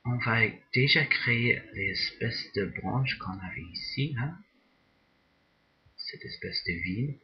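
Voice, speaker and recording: A man teaching a software drawing tutorial, talking slowly and hesitantly, often repeating words as he works. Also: medium pitch, expressive, lo-fi sound. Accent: non-native English pronunciation. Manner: slow, hesitant, repeats words while working. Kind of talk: screen-recorded software tutorial.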